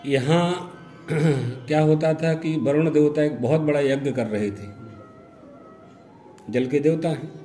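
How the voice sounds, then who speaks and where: Older male storyteller, mellow low-toned delivery, echoey room with faint music under it. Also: measured pace, long pauses. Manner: retells the tale with quoted dialogue, chuckling asides. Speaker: religious storyteller. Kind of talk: devotional scripture storytelling.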